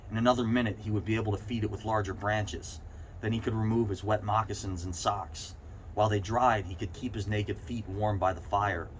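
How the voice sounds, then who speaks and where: A man reading a short story aloud, stumbling slightly over words now and then. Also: lowish voice. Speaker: reader. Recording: clearly noisy background ambience.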